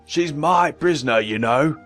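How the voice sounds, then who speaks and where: A man voicing a blustering, combative knight with a gravelly voice and slow, drawn-out speech in a storybook audiobook. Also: on the high side, a bit bright, faint music behind, voice pushed up. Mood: gruff, stubborn.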